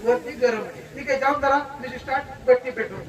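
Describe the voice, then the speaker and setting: A man with a Marathi accent, a stage magician giving loud drill commands to children at a live show. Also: extremely high pitch, quick pace. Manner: commanding, counts and barks drill orders. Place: outdoor birthday event. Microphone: handheld stage mic. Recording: echoey crowd, far from mic.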